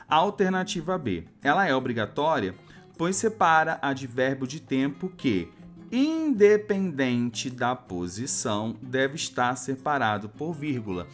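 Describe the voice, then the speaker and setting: A man walks through a grammar lesson for exam candidates, taking each point step by step. His pitch rises and falls a lot as he checks in with his listeners. A faint bed of music plays under his voice. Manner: explains step by step, often adds a checking "tá?". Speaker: grammar teacher.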